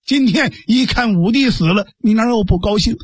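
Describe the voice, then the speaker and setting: 男说书人演的 急脾气中年好汉，评书腔，北京口音，沙嗓，声音干，不带回响. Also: male voice, high-pitched, normal speed, dry recording, clean studio sound. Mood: accusing. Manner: gruff, teasing and accusing. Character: blunt hot-headed male martial hero, middle-aged. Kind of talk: traditional storytelling.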